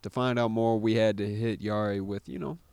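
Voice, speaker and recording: A man's voice: on the low side, fairly even intonation, brisk, vocal fry, a little mellow, clean tone, dry recording. A man hosting a casual music chat, laid-back and rambling, full of fillers and restarts. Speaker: podcast host.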